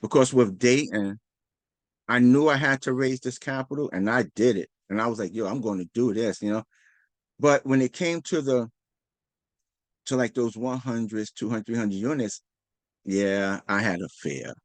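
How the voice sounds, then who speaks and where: A man talks earnestly in a casual, motivational way. He rambles and restarts his sentences, acting out bits of dialogue in a middle-pitched voice. The recording is dry and close, with no room sound. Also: moderate pace, dry recording. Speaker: host.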